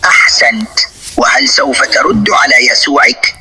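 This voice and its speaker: A man's voice: mid-range voice, animated, moderate pace, sharp tone, husky, poor audio. A man hosting a heated religious debate as a sheikh, combative and scornful, cutting in with insults.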